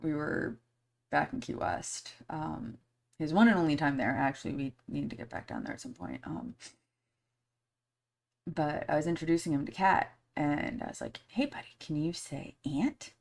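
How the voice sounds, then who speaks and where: A woman with a low, deep-set voice talks casually on her podcast live stream. She is candid and blunt, swears freely, and rambles with many fillers between her thoughts. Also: big pitch swings, moderate pace, creaky, a little mellow. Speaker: podcast host.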